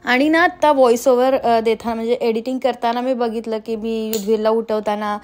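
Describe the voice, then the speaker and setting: A woman in her thirties, a homemaker vlogging casually at home, chatty with frequent pauses and fillers. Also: fairly high pitch, fairly even intonation, a little mellow, faint music behind. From Maharashtra, India. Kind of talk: casual vlog chat and voice-over.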